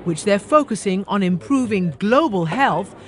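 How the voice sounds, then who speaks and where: A woman reading scripted news narration in a measured, emphatic way. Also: mid-range voice, lively intonation, slight background noise.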